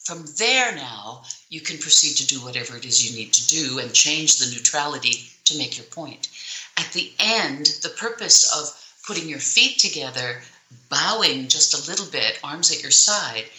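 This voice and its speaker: Here the same kind of low but bright-cutting female voice gives instructive interview answers on public speaking, with lively intonation. She is emphatic and deliberate, using pauses and tonal changes, and the room around her echoes.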